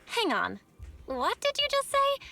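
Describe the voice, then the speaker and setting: A woman voicing a young female proxy in a game, quick and surprised. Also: extremely high pitch, creaky, soft background music, exaggerated voice. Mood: flustered. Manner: quick, surprised, very lively delivery. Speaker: video game character.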